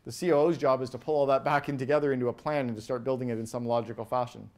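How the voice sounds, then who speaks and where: A man giving an energetic business keynote on stage, firing quick questions at the audience and rattling off lists. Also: medium pitch. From Canada. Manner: animated, asks the audience quick questions, acts out quoted voices. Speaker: keynote speaker. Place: event stage before a live audience.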